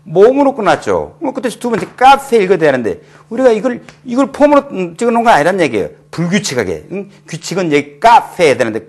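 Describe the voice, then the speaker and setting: A middle-aged man teaching a recorded grammar lecture, explaining slowly and clearly and repeating example words with heavy stress. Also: sits high, wildly swooping pitch, a little mellow.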